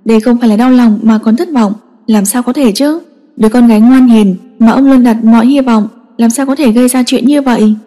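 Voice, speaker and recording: A woman narrating a dramatic story in a steady, emotive reading. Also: fairly high pitch, fairly quick. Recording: long echoing reverb.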